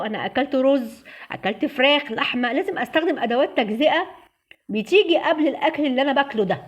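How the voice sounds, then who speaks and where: A woman's voice: on the high side, highs cut off. A woman with an Egyptian Arabic accent teaching a French lesson, patiently drilling vocabulary aloud. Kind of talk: classroom lesson.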